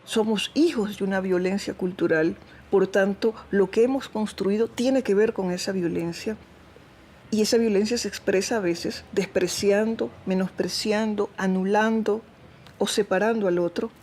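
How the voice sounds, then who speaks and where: A woman with an Ecuadorian Spanish accent, speaking in a thoughtful, measured way in a documentary interview. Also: medium pitch, a little mellow, slight background noise.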